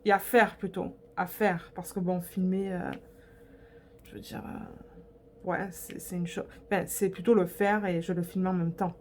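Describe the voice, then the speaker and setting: A woman's voice: fairly low pitch, flat delivery, measured pace, darkish tone, slight background noise. A young woman vlogging in a casual, rambling way, chatting to her viewers with lots of fillers and restarts. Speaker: diamond painting vlogger. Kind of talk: casual chat to camera.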